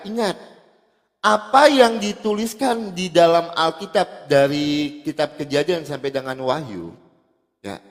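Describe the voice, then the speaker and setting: A man answering in a debate with a measured, emphatic preaching delivery, reciting quoted passages aloud. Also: a little high. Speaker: debate respondent. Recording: echoey, reverberant room.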